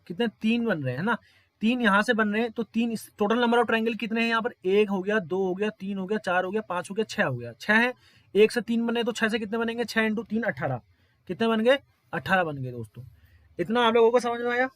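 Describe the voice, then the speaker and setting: Brief: male tutor, high voice, dry close sound, repetitive step-by-step explainer. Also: a bit bright, dry recording. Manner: repetitive, quizzes listeners often. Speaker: teacher. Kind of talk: explaining exam problems step by step.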